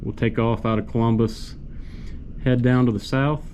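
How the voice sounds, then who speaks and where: A man's voice: mid-range voice, steady tone, normal speed, a little mellow. A man giving a casual flight briefing as a pilot vlogger. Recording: faint vehicle background noise.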